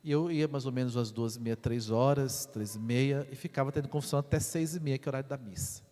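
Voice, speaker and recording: Priest preaching, mid-pitched man, tells it like a story, goes soft then loud, long church echo. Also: quick pace. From Brazil. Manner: animated storyteller, swings from hushed to loud. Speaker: parish priest. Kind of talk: sermon storytelling. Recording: echoey church with long reverb.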